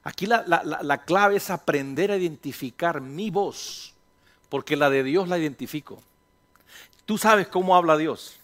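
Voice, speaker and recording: A middle-aged pastor delivers a sermon in a relaxed, conversational way. His voice sits a little high for a man. He acts out the voices in his head and teases his congregation between points. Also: measured pace.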